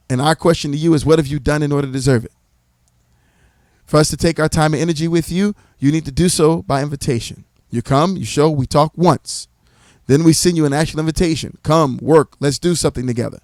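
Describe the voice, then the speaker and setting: A man making a livestream pitch to his audience. He talks like a preacher and repeats phrases for emphasis. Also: darkish tone, no echo. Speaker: community organizer presenting his platform.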